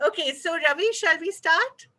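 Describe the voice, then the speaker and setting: Hosting an online talk show via video call, an Indian-accented woman speaks at a moderate pace in a high, bright voice. She is polite and conversational, working her way hesitantly through long questions.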